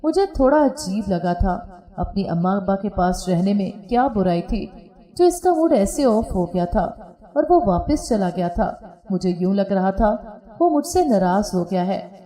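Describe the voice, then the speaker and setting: Mellow-voiced woman narrating a story. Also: mid-range voice, lively intonation, unhurried. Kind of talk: first-person scripted narration.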